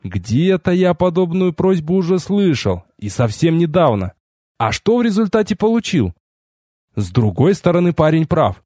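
Expressive husky male audiobook narrator. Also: fairly high pitch, moderate pace, no echo, clean studio sound. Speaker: audiobook reader. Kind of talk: first-person audiobook narration.

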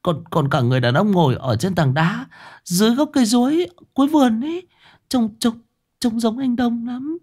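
A man voicing a frightened young village wife who stammers and pleads in a hushed, raised voice. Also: very high-pitched, animated, normal speed, pitched above the performer's own voice. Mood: frightened stammering.

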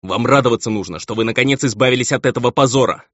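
A man's voice: medium pitch, very fast, a bit bright, no room sound, pitched above the performer's own voice, close to an everyday voice. A man voicing a pompous, contemptuous baron and cruel husband, on a dull, lo-fi recording.

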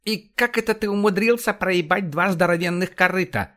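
A male narrator voicing a hot-tempered, swearing male police vice-admiral who yelps and shouts. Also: moderate pace. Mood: agitated. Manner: shrill, yelping, loud.

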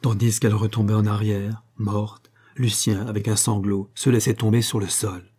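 A man reading a classic adventure novel aloud, with measured, dramatic storytelling. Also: on the low side, flat delivery, warm tone, slightly rough. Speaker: audiobook reader. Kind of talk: literary audiobook narration.

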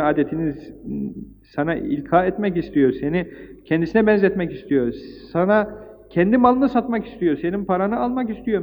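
An older man preaching in an emphatic, rhythmic way, piling up lists and rising on key points. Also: sits high. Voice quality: recites Arabic verses quickly. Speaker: Islamic preacher. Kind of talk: religious talk. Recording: tinny phone-like old recording in a hall.

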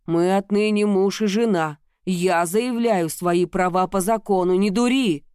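A woman voicing a hulking young male village blacksmith who is gruff and possessive, speaking low and demanding in an audiobook. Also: a little slow, a little mellow, no room sound, clean studio sound, close to an everyday voice. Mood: insistent. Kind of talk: audiobook character reading.

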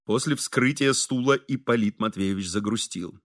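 A man narrating an audiobook in an expressive storytelling manner. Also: medium pitch, normal speed, dry recording, studio quality. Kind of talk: scripted narration.

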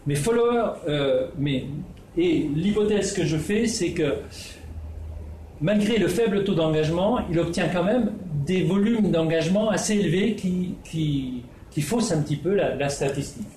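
A man presents his research in a halting way, full of fillers and restarts. His voice is mellow and warm. It sounds like an echoey room with faint background ambience. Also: high-pitched, lively intonation, a little hiss or hum. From Netherlands. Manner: hesitant, many fillers and restarts. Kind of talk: spoken presentation.

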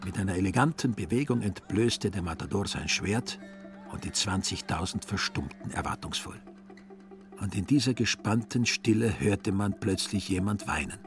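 A man narrating a radio play in a calm, ironic storytelling manner. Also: lowish voice, moderate pace, soft background music.

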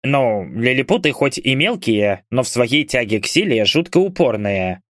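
A man's voice: medium pitch, sing-song, moderate pace, fairly bright tone, no echo. Smug sneering ghoul mage, lazy drawl, dry close audiobook sound, man doing it. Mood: smug, mocking. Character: smug male ghoul dark mage, mocking.

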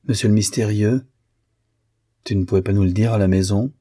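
A man voicing a kind, resigned young man in a storybook reading, speaking sadly and gently. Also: fairly low pitch, fairly even intonation, brisk, dry recording, clean studio sound, lightly acted. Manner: sad, gentle.

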